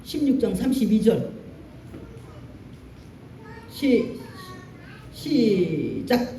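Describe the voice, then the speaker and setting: A woman pastor preaching a sermon in a church, animated, acting out lines in a raised voice. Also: mid-range voice, extremely slow, gravelly, reverberant, far from the mic, a little hiss or hum. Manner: animated preaching, acts out Moses' angry lines. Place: church sanctuary.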